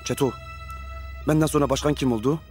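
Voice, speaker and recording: A man's voice: mid-range voice, steady tone, a little fast, darkish tone, soft background music, natural voice. A man in his thirties playing a bossy, self-important revolutionary leader in a TV comedy-drama, commanding and pompous. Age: 30s. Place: furnished rooms of a house.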